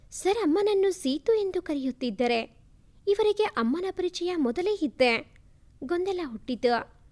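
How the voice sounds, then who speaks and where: A woman reading an emotional first-person family story aloud in a soft, feeling way. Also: sits high.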